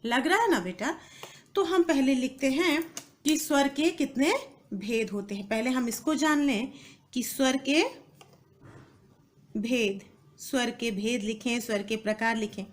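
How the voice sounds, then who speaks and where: A woman teaching a Hindi grammar lesson to children, slowly repeating key phrases and asking her pupils questions. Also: fairly high pitch. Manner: slow, patient, repeats key phrases and asks pupils questions, calls them "beta".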